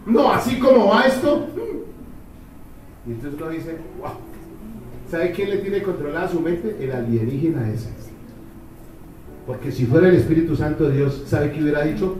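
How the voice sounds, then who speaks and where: High-voiced preacher in an echoey hall. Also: male voice, animated, moderate pace, pauses often, darkish tone, soft background music. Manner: fervent, full of rhetorical questions. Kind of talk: sermon. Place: church hall. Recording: echoey hall, distant mic.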